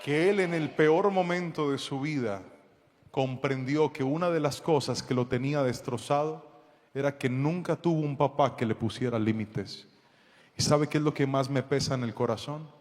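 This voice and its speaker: A man preaching a sermon to a congregation, telling a story with lively reenacted dialogue and jokes with the audience. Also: medium pitch. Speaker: pastor. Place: church hall before a congregation. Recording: long hall reverb.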